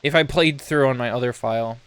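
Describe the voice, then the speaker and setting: A man streaming a video game, chatting in a rambling way full of "like" and restarts, getting loud and excited in bursts. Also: medium pitch, a little fast, smooth. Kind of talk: casual live-stream chatter while gaming. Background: game music.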